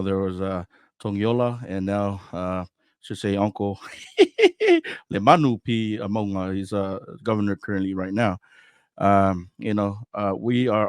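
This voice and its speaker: A man's voice: lowish voice, clear, resonant tone, no echo, studio quality. A man from American Samoa, in his thirties, who hosts a podcast and speaks as a guest in a casual interview, hesitant, with many fillers and restarts.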